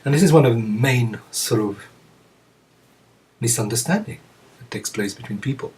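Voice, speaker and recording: A man giving a reflective Zen teaching talk to students, musing aloud with many pauses and soft chuckles. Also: mid-range voice, lively intonation. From France. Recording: voice picked up from a distance.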